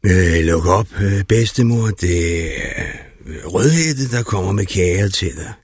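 A man's voice: animated, breathy edge, dry recording, studio quality, heavily acted. A man growling as the big bad wolf. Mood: coaxing. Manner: deep growling menace. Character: big bad male wolf, sly and greedy.

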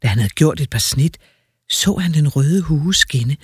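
A man reading a fairy tale aloud in a lively, expressive storyteller manner. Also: fairly high pitch, breathy edge, dry recording, clean studio sound.

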